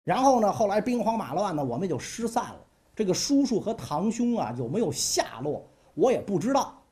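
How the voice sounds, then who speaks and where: A man's voice: high voice, very animated, brisk, darkish tone. A man playing a trusting, sentimental strategist who speaks in a plaintive, earnest way. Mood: homesick. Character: sentimental, trusting male strategist far from home.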